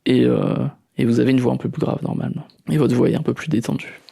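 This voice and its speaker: A man's voice: mid-range voice, quick pace, vocal fry, dark tone, husky. A man with a French accent hosting a podcast, explaining voice tips casually, with fillers and restarts. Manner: explanatory, demonstrates vocal techniques, frequent fillers and restarts. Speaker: podcast host. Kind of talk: casual voice coaching talk.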